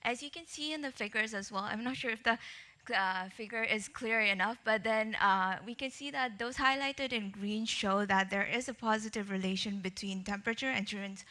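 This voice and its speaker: A woman from Nepal presenting her research at a conference in a steady, explanatory way. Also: medium pitch, normal speed.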